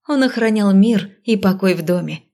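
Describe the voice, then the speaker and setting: A woman's voice: medium pitch, moderate pace, natural voice. A woman playing a feisty, teasing heroine. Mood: playful. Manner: bright, lively, teasing retorts. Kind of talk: audiobook reading.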